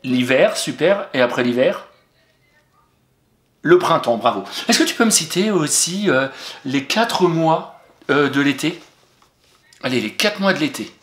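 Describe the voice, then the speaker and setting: Patient and encouraging, a man spells words letter by letter for a young pupil. His voice is a little high, animated and a bit bright, unhurried with long pauses, and the room gives off a noticeable echo.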